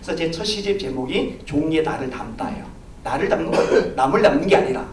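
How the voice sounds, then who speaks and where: A pastor preaching a sermon, telling a story with lively swings of voice and acting out the people in it. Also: male voice, a little high, fast, noisy background. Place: church sanctuary. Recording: echoey church, from far off.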